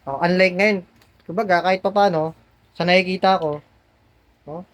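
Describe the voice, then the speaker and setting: A man's voice: sits high, fairly even intonation, normal speed, a bit bright, highs cut off. A man working as a spiritual healer, coaxing and reassuring his patients indoors and repeating himself as he explains. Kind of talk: explaining to patients during a healing session.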